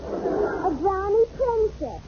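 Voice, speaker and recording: A woman's voice: extremely high pitch, very animated, exaggerated voice. An actress playing an earnest, demanding little girl in a 1940s radio comedy. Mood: delighted. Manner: deliberate, insistent childlike delivery. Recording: noisy muffled 1940s radio recording.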